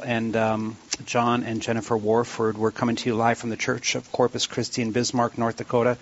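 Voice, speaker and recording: A middle-aged man hosting a live radio round-table interview, animated and repeating his words for emphasis. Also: medium pitch. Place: live remote broadcast from a church. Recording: dull band-limited radio sound.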